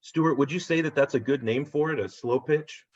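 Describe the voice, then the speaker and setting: A man hosting a real estate agent training on a video call, upbeat and rambling, losing his voice and clearing his throat. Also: on the high side, moderate pace. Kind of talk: casual video call pep talk. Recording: dull lo-fi video call audio.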